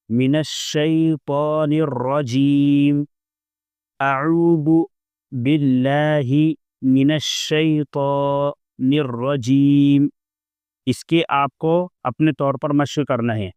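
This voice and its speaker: A man teaches a Quran lesson, plainly explaining each word before reciting it slowly with long, drawn-out sounds. His medium-pitched voice is clean, with no room sound.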